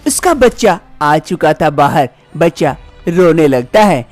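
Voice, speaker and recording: A man narrates a scripted story in a plain, even manner. His voice sits on the high side for a man. Faint music plays underneath. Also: a little slow, no room sound.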